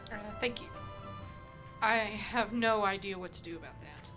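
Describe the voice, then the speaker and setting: A woman's voice: medium pitch, normal speed, pushed and bright, faint music behind. A woman playing a tabletop role-playing game, talking partly in character.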